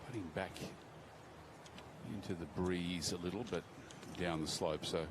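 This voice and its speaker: A man's voice: low voice, fairly even intonation, measured pace, background noise. A man giving live golf commentary as a sports broadcaster.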